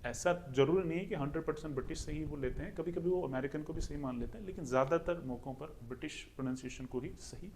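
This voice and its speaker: A man's voice: a little high, fast talker, hardly any pauses, darkish tone, a little hiss or hum. A young adult man from India with an Indian accent, explaining English pronunciation step by step in an exam-prep lesson and repeating his points. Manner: repeats points, walks through a question step by step. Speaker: English teacher.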